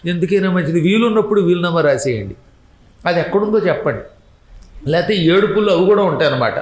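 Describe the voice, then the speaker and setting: A man giving a devotional scripture discourse, telling stories animatedly, acting out the people he quotes and chanting verses slowly. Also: sits high, expressive, roomy sound, low-quality recording.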